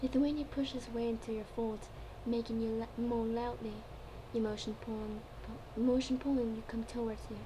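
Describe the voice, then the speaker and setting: A woman's voice: fairly high pitch, level tone, moderate pace, few pauses. Woman reading fan fiction, noisy recording. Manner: stumbles over words and repeats phrases. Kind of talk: dramatic amateur story reading. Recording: clearly noisy home recording.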